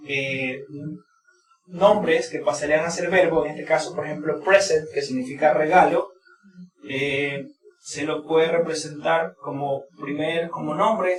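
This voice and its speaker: Man teaching English word stress. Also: on the high side. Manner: slow and repetitive, many fillers. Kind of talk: explaining word stress from a board. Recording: echoey room, distant mic, crowd noise.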